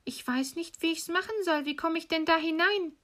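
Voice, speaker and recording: A woman voicing a frightened little girl with a high, plaintive voice. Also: moderate pace, sharp tone. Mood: feigning helplessness.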